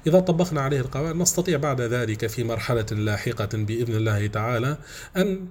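A man giving a grammar lesson, repeating simple examples patiently with frequent drawn-out fillers. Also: mid-range voice, lively intonation, a little mellow, slight background noise. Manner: repeats examples slowly, with many "aah" fillers. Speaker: grammar teacher.

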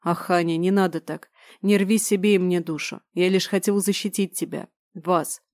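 A woman voicing a young male general who tenderly pleads with his crying wife, soft and affectionate, in an audiobook reading. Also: fairly low pitch, steady tone, moderate pace, no echo, clean studio sound, close to an everyday voice. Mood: pleading. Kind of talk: audiobook narration.

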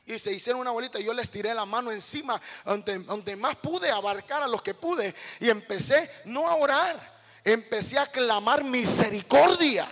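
A pastor preaches with pleading fervor that swells into shouts. His voice sits very high and carries a gravelly edge, with a piercing brightness. Long reverb from the church hall trails each phrase. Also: moderate pace. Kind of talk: sermon. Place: church sanctuary.

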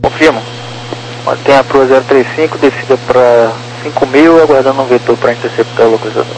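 A man's voice: mid-range voice, fairly quick. A man working as an air traffic controller, giving clipped procedural instructions over two-way radio. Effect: two-way aviation radio. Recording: slightly noisy, humming radio transmission.

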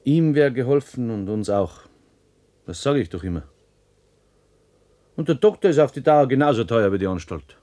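A man's voice: mid-range voice, lively intonation, normal speed, long pauses, mellow, close to an everyday voice. A man playing a dour, grumbling village man in a radio play.

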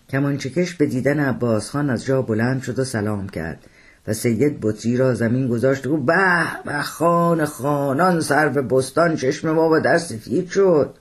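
A man, the author himself, reading his own novel aloud in a steady, measured storytelling manner. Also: mid-range voice, husky. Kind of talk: audiobook narration.

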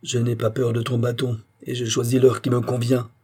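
A man's voice: medium pitch, monotone, normal speed, a little mellow, breathy edge, pitched above the performer's own voice. A man voicing a grieving, furious peasant man who bitterly accuses the man he holds responsible for his mother's death. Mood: bitter anger.

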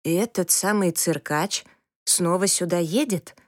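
A gruff, weary old father, as a woman reader puts him on in a storybook reading, pitched below her own voice. He speaks slowly and heavily, sighing through his words. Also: no echo, clean studio sound. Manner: slow, low, tired sighing delivery.

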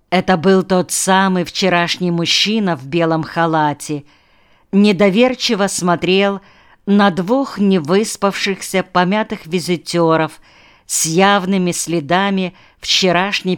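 A woman narrating an audiobook of short stories in a measured, even manner. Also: on the low side, clean tone. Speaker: audiobook reader.

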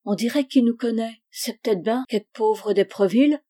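A woman's voice: fairly high pitch, normal speed, warm tone, close to an everyday voice. A woman doing a curious young village girl. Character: curious young fisherman's daughter.

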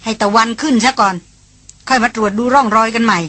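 A woman reader voicing a firm male expedition leader, the eldest brother, giving calm orders. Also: extremely high pitch, fast talker, no room sound, full character voice. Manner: firm commanding.

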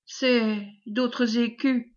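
A shy young peasant lad, read by a woman speaks in halting rustic phrases, earnest and humble. The voice sits fairly high. The recording is dull and lo-fi. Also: a bit bright, close to an everyday voice. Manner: hesitant, rustic country speech.

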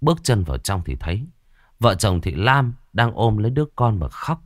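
A man with a very deep voice narrates a ghost story, dramatic and suspenseful, with slow pauses. His pitch rises and falls in lively swings. The sound is close-miked and dry. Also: no room sound.

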